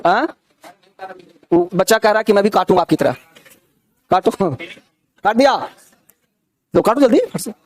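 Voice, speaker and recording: A man teaching an English grammar lesson to students. He drills examples slowly and keeps checking whether everyone has understood. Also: sits high, expressive. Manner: repeats questions to check understanding.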